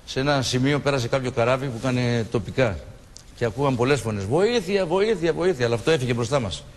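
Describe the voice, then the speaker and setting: A man's voice: medium pitch, fairly even intonation. Man in his sixties recounting in a reverberant studio. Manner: plain storytelling, acting out quoted dialogue. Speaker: shipwreck survivor guest. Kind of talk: emotional recollection in a TV studio interview.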